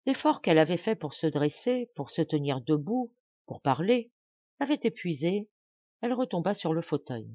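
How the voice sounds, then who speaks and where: Woman reading a novel aloud, measured. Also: on the low side, very animated, mellow, no room sound, highs cut off. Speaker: audiobook reader. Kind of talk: scripted narration.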